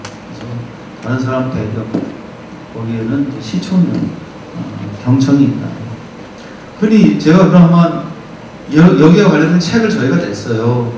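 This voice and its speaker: A man's voice: medium pitch, lively intonation, moderate pace, pauses often, a little hiss or hum. A middle-aged Korean man gives a university lecture in a conversational way, acting out everyday dialogues. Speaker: guest lecturer. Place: lecture hall. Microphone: distant from the recording device. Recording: quiet, muffled, echoey hall recording from far off.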